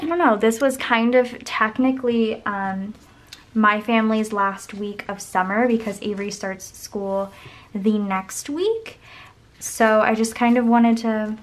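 A young planner vlogger, slowly losing her voice, chats hoarsely and unhurriedly in a slightly high tone while decorating her planner at her home desk, filmed from overhead. It's a casual plan-with-me session where she rambles and counts under her breath as she works.

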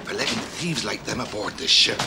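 An actor playing a jovial but menacing pirate ship's cook, theatrical and mock-polite. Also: male voice, on the low side, animated, brisk, vocal fry. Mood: sly. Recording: film audio with background noise.

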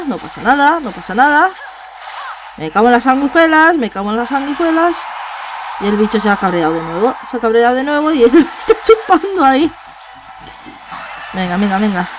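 A woman gamer with a Spain Spanish accent, giving let's play commentary; she gets excited, swears and repeats words. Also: fairly high pitch, low-quality recording.

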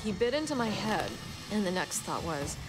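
A woman's voice: mid-range voice, sing-song, normal speed, over loud music, poor audio. A woman recounting a personal experience as a documentary interviewee.

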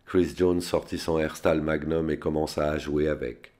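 A man reading a spy novel aloud in a steady, plain storytelling manner. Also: a bass voice, normal speed. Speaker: reader.

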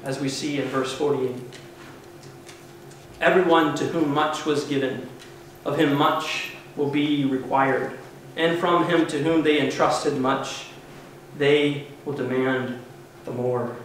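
A man's voice: mid-range voice, fairly even intonation, slow, pauses often, distant mic, a little hiss or hum. A man in his thirties, a pastor preaching an earnest, emphatic sermon from a pulpit in a church sanctuary. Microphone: far camera mic, no visible microphone. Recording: very echoey church heard from afar.

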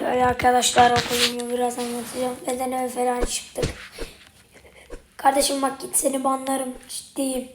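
A young woman commentates casually on a game in a high, very monotone voice that sounds strained and partly lost. She mutters short remarks to herself. The room echoes and loud noise runs behind her. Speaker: gaming video creator. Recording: roomy, loud noise and clicks.

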